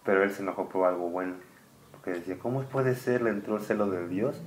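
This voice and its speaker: A man's voice: low-pitched, flat delivery, a little hiss or hum. A man homeschooling his child, patiently explaining a scripture story and asking questions. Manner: patient, asks the child questions, reads passages slowly and louder.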